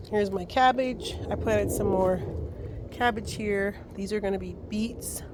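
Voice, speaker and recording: A woman hosting a casual tour of her home garden outdoors, her voice raspy from a cold, upbeat and thankful as she points things out. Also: medium pitch, a little mellow, slight background noise. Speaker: gardening vlogger.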